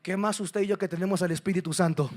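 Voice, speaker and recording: A male pastor delivering a sermon in a fairly high voice. He swings from loud calls to the congregation to soft, confiding asides, with an animated preaching delivery. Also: quick pace.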